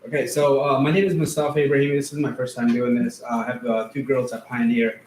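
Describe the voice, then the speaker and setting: A man's voice: mid-range voice, level tone, quick pace, darkish tone. Hesitant man at a school board podium. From Afghanistan. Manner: informal, hesitant, lots of fillers. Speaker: parent giving public comment. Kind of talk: public comment speech. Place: large meeting room. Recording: echoey room, faint noise.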